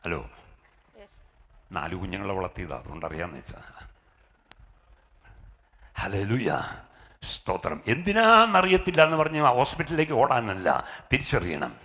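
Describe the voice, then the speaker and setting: A man's voice: fairly low pitch, big pitch swings, measured pace, pauses often, bright, forceful tone. A middle-aged man preaching a sermon as pastor. He punctuates his talk with frequent hallelujahs and rises into emphatic calls.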